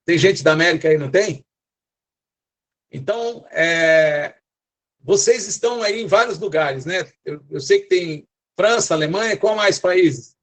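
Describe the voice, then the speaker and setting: An older man with a São Paulo accent preaches to a scattered congregation over a video call. His voice sits a little high for a man, and he exhorts earnestly, often checking in with his listeners. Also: unhurried. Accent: São Paulo Portuguese. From São Paulo, Brazil. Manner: earnest, exhorting, frequent tag questions. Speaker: apostle, guest preacher. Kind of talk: online church preaching.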